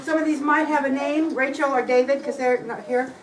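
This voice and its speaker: A woman's voice: sits high, steady tone, fairly quick, a little hiss or hum. A woman organizing a group, giving casual instructions in a loose, chatty way and laughing between her words. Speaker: organizer handing out materials. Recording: echoey room from far off with chatter.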